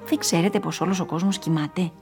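A woman's voice: lowish voice, steady tone, over music, lightly acted. A woman doing a stern scolding dream keeper.

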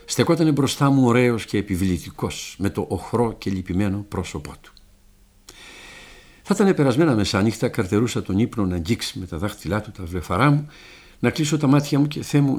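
A man giving a dramatic literary reading, hushed and brooding, voicing all the characters himself. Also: fairly low pitch. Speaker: narrator.

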